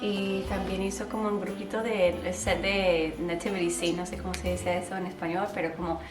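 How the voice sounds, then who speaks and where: A woman's voice: on the low side, a little fast. Lady chatting, mixes in words, sounds far off in a roomy space w music. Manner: lively, mixes English words into Spanish. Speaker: vlogger. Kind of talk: casual chat.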